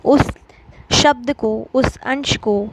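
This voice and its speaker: A woman teaching an exam-prep lesson, explaining step by step with frequent filler pauses. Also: on the high side, very noisy.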